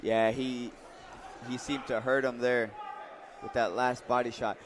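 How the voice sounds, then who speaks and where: A man's voice: medium pitch, flat delivery, unhurried, a faint crowd, slight background noise. A man giving live, conversational boxing commentary, thinking aloud and repeating words as he goes.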